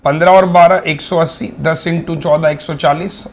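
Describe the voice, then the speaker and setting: A young man teaches an online maths class for exam prep. His voice sits a little high, and he talks in a chatty, coaxing way, often counting items aloud as he goes. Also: steady tone, moderate pace, slight background noise. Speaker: maths teacher for bank exams.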